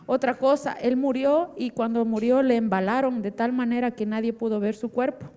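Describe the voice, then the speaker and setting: A woman's voice: fairly high pitch, steady tone, normal speed, mellow, in a large hall. A middle-aged woman giving an emotional personal testimony in church and vividly acting out remembered dialogue. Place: church hall.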